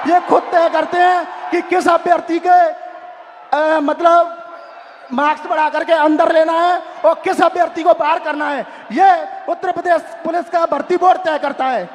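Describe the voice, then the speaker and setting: Young male student, very high raised voice, insistent point-by-point testimony, long hall echo, crowd in background. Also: fairly even intonation, moderate pace, raised voice. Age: young adult. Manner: insistent, raised voice, pouring out grievances point after point. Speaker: student exam aspirant. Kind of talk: impassioned public testimony. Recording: echoey large hall with crowd noise.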